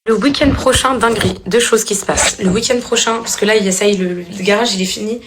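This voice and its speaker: A woman's voice: mid-range voice, quick pace, background noise. A tired mother in her thirties chatting casually and affectionately to her viewers in a home vlog. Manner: chatty, affectionate, addresses viewers as "les filles". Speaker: family vlogger, mother.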